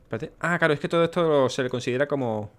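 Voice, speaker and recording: Fairly high-pitched and quick, this Spanish-accented man from Spain hosts a let's play. He keeps up a chatty running commentary, muttering to himself and to the characters on screen.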